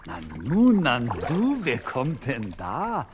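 A man's voice: mid-range voice, wildly swooping pitch, takes it slowly, a little hiss or hum. A man voicing a good-natured old grandfather who is a river, speaking in a comforting, fatherly way. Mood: kindly.

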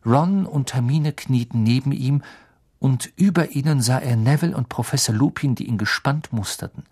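A man reads a story aloud in measured, steady narration. His voice has a husky, slightly breathy texture. The pitch sits in an ordinary middle range for a man. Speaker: audiobook narrator. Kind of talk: scripted narration.

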